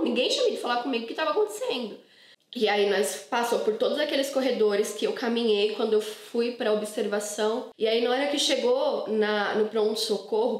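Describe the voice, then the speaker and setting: A woman with a Brazilian Portuguese accent telling her personal testimony to viewers in an earnest, emotional, casual way, often repeating words. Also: fairly high pitch. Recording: echoey room.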